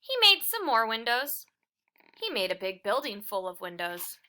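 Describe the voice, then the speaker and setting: Animated, bright-voiced woman reading a storybook. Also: a little high, a little hiss or hum. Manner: animated, deliberate storybook phrasing with dramatic emphasis. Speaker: storyteller reading a picture book aloud. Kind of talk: expressive children's read-aloud narration.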